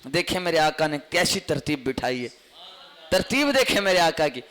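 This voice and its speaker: Pakistani guy giving an emotional sermon, high bright voice, repeats lines. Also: sing-song. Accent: Pakistani Urdu. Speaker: religious speaker. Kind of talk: devotional storytelling sermon.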